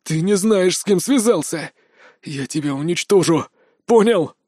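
A man's voice: sits high, animated, a little slow, no echo, clean studio sound, exaggerated voice. A man doing a furious, wheezing young brawler. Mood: threatening. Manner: shouting, hoarse with pain, threatening. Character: furious young male senior-student brawler.

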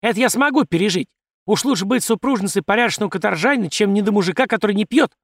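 A man voicing a loud, coarse, domineering peasant wife who scolds and bosses everyone. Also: lively intonation, quick pace, no room sound, clean studio sound, full character voice. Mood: scolding. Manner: shrill, scolding, bossy.

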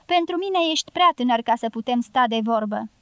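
A woman's voice: fairly high pitch, lively intonation, fairly bright tone, dry recording. A woman voicing a bossy, snapping older matriarch. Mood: gruff. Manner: curt, scolding retorts.

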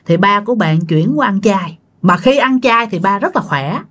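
A woman's voice: medium pitch, lively intonation, normal speed, fairly bright tone. A woman telling a ghost story in a chatty way, addressing her listeners directly. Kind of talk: spoken ghost-story narration.

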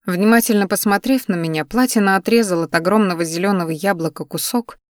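A woman narrating a first-person story in an even, measured audiobook reading. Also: medium pitch, no echo, studio quality.

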